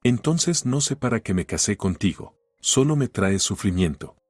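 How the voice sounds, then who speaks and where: A man's voice: on the low side, sing-song, normal speed, darkish tone, dry recording, clean studio sound. A man voicing an entitled young husband who talks down coldly and with scorn, in an audiobook story reading. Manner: cold and scornful.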